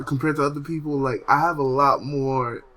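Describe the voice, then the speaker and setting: A man's voice: medium pitch, fairly even intonation, normal speed, crowd noise. A young man co-hosting a casual podcast, talking in a laid-back, hesitant way with many fillers. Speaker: podcast co-host.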